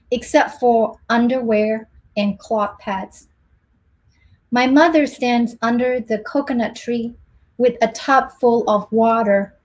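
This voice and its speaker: On a video call from her home office, a middle-aged poet from Myanmar introduces and reads her poems in a measured, soft-spoken manner. Her voice is medium pitch, and the recording is rough.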